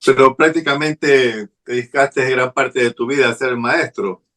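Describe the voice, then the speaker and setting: A man's voice: mid-range voice, fairly even intonation, a little slow, bright, forceful tone. A man hosting an interview, friendly and asking short prompting questions. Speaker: host.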